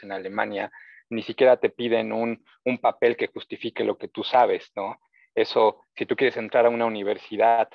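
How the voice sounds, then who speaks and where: A man speaking as a guest in a webinar, rambling and filling pauses with "este" and "¿no?", heard over a video call. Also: lowish voice, creaky, dry recording, highs cut off. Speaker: guest speaker, company founder. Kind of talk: casual talk in a webinar.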